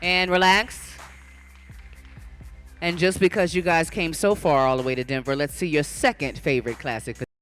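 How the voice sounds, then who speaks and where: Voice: medium pitch, fairly even intonation, normal speed, a bit bright. A bodybuilding show announcer speaking live from the stage, calling out directions to competitors and addressing the audience. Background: event music.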